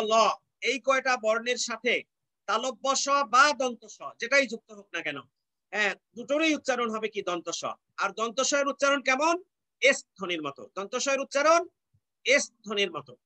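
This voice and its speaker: A male teacher from Bangladesh gives an online lecture in a strikingly high, bright voice. He explains patiently, stretches each example word out slowly and keeps asking his students questions he then answers himself. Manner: explains patiently, repeats and draws out example words, asks rhetorical questions.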